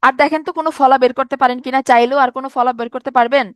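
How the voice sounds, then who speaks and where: A young woman teaches an exam-prep grammar lesson in a high voice, tired from no sleep. She repeats each point and keeps asking her listeners rhetorical questions. The sound is dry and close, with no room echo. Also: fairly even intonation, rapid-fire.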